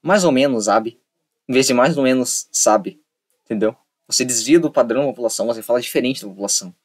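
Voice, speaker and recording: A young man talks through a study trick in a loose, chatty way. He repeats himself often and slips into playful mini-dialogues. His voice sits at a middle pitch. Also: fast talker. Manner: repetitive, playful, acts out little dialogues. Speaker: online tutor. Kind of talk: casual explanatory lesson.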